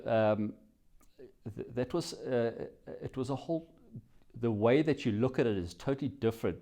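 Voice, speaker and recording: A man's voice: mid-range voice, warm tone. A South African man answering interview questions, telling his story in a reflective, rambling way. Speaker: company CEO, guest.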